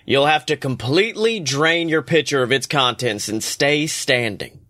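A man's voice: medium pitch, lively intonation, normal speed, pushed and bright. A man voicing a stern male bartender who speaks in a dry, matter-of-fact way. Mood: officiating.

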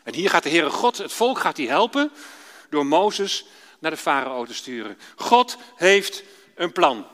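Male preacher, children's sermon, storytelling tone, high bright voice, long church echo. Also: very animated, unhurried. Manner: warm storytelling, addressing children directly.

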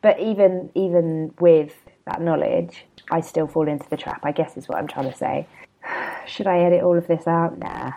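A woman's voice: deep voice, fairly even intonation, normal speed, gravelly, lo-fi sound. A woman in her thirties hosting a casual solo podcast, chatty and self-deprecating, rambling into asides, a bit hungover. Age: 30s. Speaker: podcast host and blogger.

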